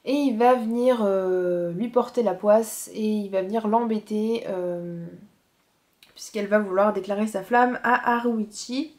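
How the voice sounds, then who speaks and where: A woman's voice: mid-range voice, unhurried, a little mellow. A young woman chatting casually about new manga releases, talking with frequent hesitant fillers. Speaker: manga vlogger. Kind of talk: casual book review chat.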